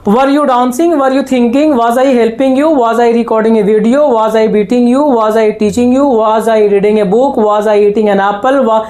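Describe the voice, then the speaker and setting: Slow-drilling Indian English teacher, man. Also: extremely high pitch, fairly even intonation, a little mellow. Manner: repeats English drill sentences slowly, explains quickly in Hindi. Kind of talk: spoken English lesson.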